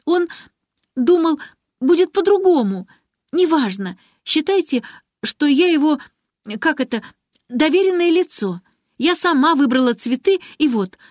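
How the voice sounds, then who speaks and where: A woman's voice: animated, unhurried, pauses often, no room sound, clean studio sound. Woman doing a tearful, determined young girl. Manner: high, pleading, insistent.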